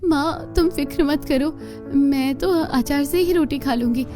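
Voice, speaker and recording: A woman voicing a kind, hardworking poor young woman in a cartoon, earnest and gentle. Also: high-pitched, measured pace, over music. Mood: caring. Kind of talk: cartoon voice acting.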